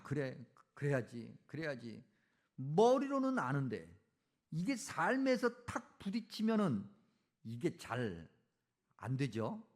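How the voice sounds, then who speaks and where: A male pastor gives a sermon in church and acts out the speeches from the Bible. His voice is high and swoops up and down a great deal. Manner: animated, dramatizing Bible speeches.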